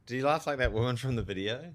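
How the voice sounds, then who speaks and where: A man livestreaming a game and chatting casually with viewers, speaking with a strong lisp from wearing a retainer in an animated, slangy way. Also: mid-range voice. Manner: animated, slangy, talks to chat. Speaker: live streamer, theologian. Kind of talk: casual livestream chat over gameplay.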